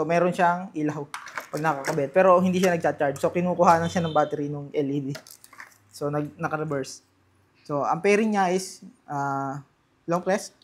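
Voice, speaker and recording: Higher-voiced Filipino man, casual unboxing. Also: slight background noise. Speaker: gadget vlogger. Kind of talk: casual hands-on unboxing and testing.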